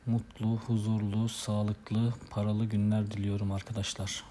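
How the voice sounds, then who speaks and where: A man with a mellow, soft-edged voice narrates a motovlog in a level, barely varying tone. His humour is wry and deadpan, told like a running story with folksy sayings. Some steady ambient noise sits behind his mid-pitched voice. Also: measured pace.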